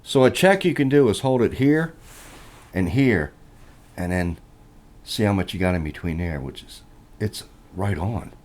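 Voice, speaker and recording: A man's voice: fairly low pitch, expressive, normal speed, long pauses, a little mellow. A man casually walking through a guitar inspection in a plainspoken, folksy way, explaining each check step by step. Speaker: guitar reviewer. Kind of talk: casual hands-on product walkthrough.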